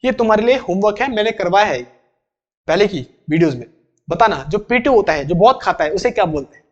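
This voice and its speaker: A man's voice: sits high, expressive, lo-fi sound. A man with an Indian accent teaching English vocabulary for exams, explaining each term in Hindi step by step and repeating the key words. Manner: reads English definitions slowly, then explains in Hindi. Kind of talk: exam-prep vocabulary lesson.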